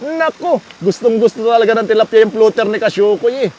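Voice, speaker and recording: A man with a high voice gives chatty live commentary while fishing outdoors. He is playful and laughs easily, and bursts into excited shouts when a fish bites. A faint hiss of stream and passing vehicles sits behind him. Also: fairly quick. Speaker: fishing livestreamer.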